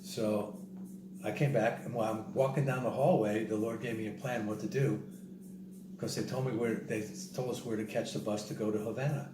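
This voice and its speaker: A man telling a casual story in an animated way, repeating himself and acting out what other people said. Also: lowish voice, moderate pace. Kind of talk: casual spoken travel story. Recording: roomy, distant mic, noisy background.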